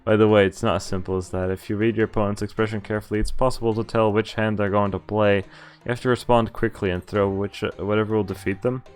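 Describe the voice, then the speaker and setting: Reading a visual novel aloud with expression, a woman streamer speaks at an extremely low pitch, quickly and with fairly even intonation, her tone a little mellow. She drops in casual, sweary asides, and the game's music sits behind her voice.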